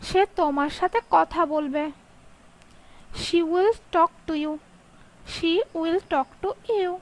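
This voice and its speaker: A woman with a very high voice runs a sentence drill, reading each English phrase at a crawl with careful spacing. Her Bengali lines are much quicker than the English. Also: steady tone, poor audio. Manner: slow, carefully spaced delivery, Bengali read quickly, English drawn out. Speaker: English teacher.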